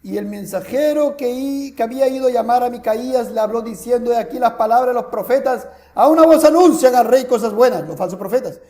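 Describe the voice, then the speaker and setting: High-voiced Peruvian preacher in an echoey hall. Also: male voice, a little fast, hardly any pauses. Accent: Peruvian Spanish. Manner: lively, with many rhetorical questions to the congregation. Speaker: pastor. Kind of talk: sermon. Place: church hall.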